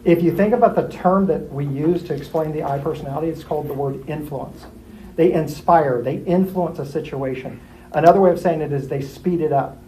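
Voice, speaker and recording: A man teaching a Bible study class in a lively, animated way, acting out people's thoughts in put-on voices. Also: fairly high pitch. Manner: lively, acts out characters in jumpy put-on voices. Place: church classroom. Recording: roomy echo, faint room noise.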